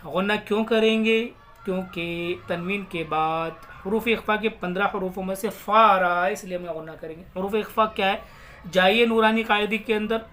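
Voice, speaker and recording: A man teaching Quran reading, spelling out letters and vowel marks one by one and then reciting the words slowly and drawn out. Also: high voice, a bit bright, slight background noise.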